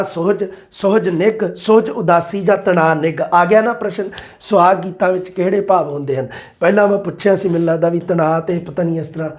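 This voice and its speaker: A man, an exam-prep teacher explaining multiple-choice answers and quoting verses slowly. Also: high-pitched, a little mellow. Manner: addresses listeners as "bai", quotes verses slowly.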